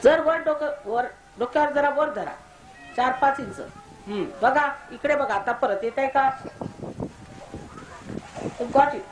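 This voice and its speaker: A woman guides a crowd through meditation, commanding and quick to scold. Her voice sits a little high, and the recording is roomy and echoey, with a faint hiss underneath. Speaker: spiritual teacher.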